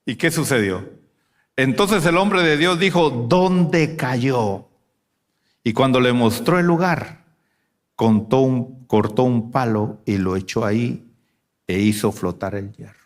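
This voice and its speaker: A man preaching a sermon to a congregation, asking rhetorical questions and swinging between loud and hushed delivery. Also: medium pitch, a little slow. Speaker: pastor.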